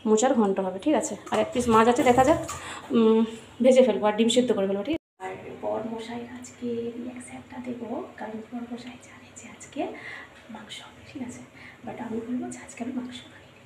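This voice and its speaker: A woman with a fairly high voice chats through a casual cooking vlog from her home kitchen, and the sound is roomy and noisy. She keeps checking in with viewers, repeatedly asking "right?".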